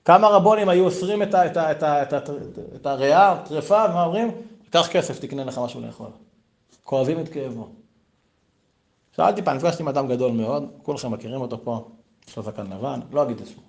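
A middle-aged man, a rabbi, giving a Torah lesson full of stories and rhetorical questions. His voice jumps high on the points he stresses. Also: muffled recording. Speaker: rabbi teaching a Torah class.

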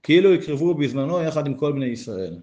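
A man's voice: fairly high pitch, big pitch swings, dark tone, lo-fi sound. A man giving a Torah lesson, reading texts aloud and explaining them earnestly, his voice rising to stress key points. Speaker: Torah teacher.

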